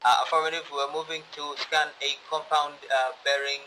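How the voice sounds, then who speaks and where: A man's voice: on the high side, level tone, brisk. A man heard over an in-game walkie-talkie radio, speaking in clipped military radio procedure with fillers. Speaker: player in a military game squad. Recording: noisy distant radio chatter.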